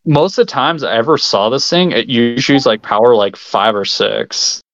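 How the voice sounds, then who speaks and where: A man hosting a casual chat, excitable and quick to laugh. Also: medium pitch, creaky, dry recording, dull audio.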